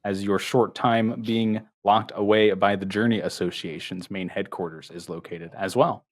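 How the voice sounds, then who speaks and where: A man narrating as game master of a tabletop game, describing scenes with frequent pauses. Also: fairly low pitch, steady tone.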